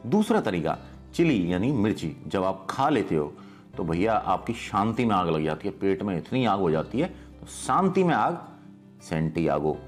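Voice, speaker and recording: Guy with a lowish voice, super expressive, acting out little scenes to teach, soft guitar music in the back. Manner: lively, acts out little scenes. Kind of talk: explaining memory tricks.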